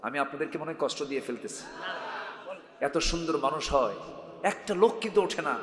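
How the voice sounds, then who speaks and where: Man, preacher, sermon, lively swooping pitch, fairly high voice, rhetorical questions to the crowd, echoey hall. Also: brisk. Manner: humorous, rhetorical, calls on the crowd to answer louder. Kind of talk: Islamic sermon to a live gathering. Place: religious gathering over a sound system. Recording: echoey hall with long reverb.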